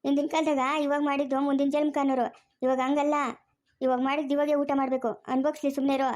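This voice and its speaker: Woman doing a scolding village grannie, chikkaballapur kannada accent, high voice, fires off the words fast. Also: flat delivery, darkish tone, close to an everyday voice. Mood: lecturing. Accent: rural Chikkaballapur Kannada. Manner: scolding, rapid and raised. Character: sharp-tongued scolding grandmother, mother figure. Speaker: grandmother character. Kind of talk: family drama acting.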